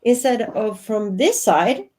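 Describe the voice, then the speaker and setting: Her voice sits on the high side and sounds animated yet darkish, delivered at a slow pace. She's a Swedish woman in her fifties with a Swedish accent, a life and business coach speaking earnestly and reflectively as an interview guest.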